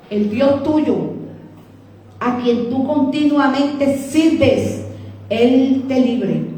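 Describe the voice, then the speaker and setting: A woman preacher reading scripture slowly and dramatically in a sermon, building to fervent proclamation. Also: on the high side, warm tone, a little hiss or hum. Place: church. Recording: echoey church room, mic far off.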